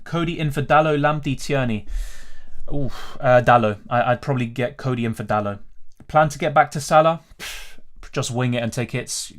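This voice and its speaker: Hosting a fantasy football livestream, an Argentine man casually works through viewer questions, reading them out and improvising answers as he thinks aloud. He has a mid-range voice.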